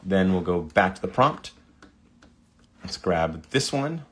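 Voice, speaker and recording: A man with a fairly low voice reads scene prompts aloud in an easygoing commentary. He trips over a word now and then and breaks off to react with amused delight. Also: big pitch swings, slow pace, a bit bright, slight background noise. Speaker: video creator. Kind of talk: casual screen-recording commentary.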